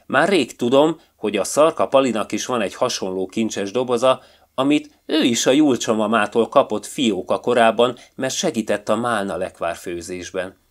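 A man's voice: mid-range voice, natural voice. A man voicing a kind, firm female bear in a storybook tale, speaking decisively. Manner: firm and decided.

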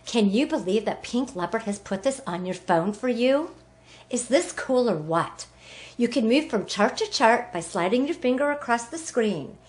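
A woman's voice: fairly high pitch, lively intonation, normal speed. A woman giving a bubbly, enthusiastic scripted product demo of a phone app. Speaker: product presenter.

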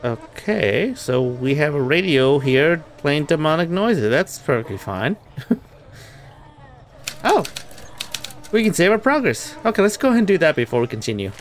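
A man's voice: a little high, very animated, moderate pace, long pauses, slight background noise. A man giving let's play commentary on a horror game, jumpy and nervous, swearing often and talking to his viewers. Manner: talks to the viewers while playing. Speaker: gamer playing a horror game.

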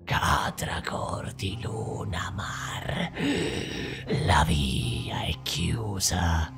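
A man voicing a monstrous two-headed male guardian, speaking in a slow, strangled, doubled whisper. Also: deep voice, animated, creaky, voice pushed down, exaggerated voice. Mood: ominous. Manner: slow, solemn, ominous. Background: music.

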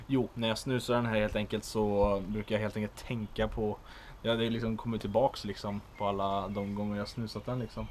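A man's voice: fairly low pitch, flat delivery, brisk, darkish tone, a little hiss or hum. Young Swedish man talking with snus under his lip. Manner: rambling, loose, full of fillers. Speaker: snus reviewer. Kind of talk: casual product review.

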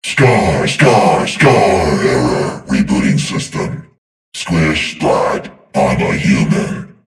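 An actor voicing a cold, menacing male war-machine scorpion in a video game, with a glitching, distorted robot voice and flat, clipped mechanical delivery. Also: a bass voice, extremely slow, heavy reverb, far from the mic, slight background noise, heavily acted.

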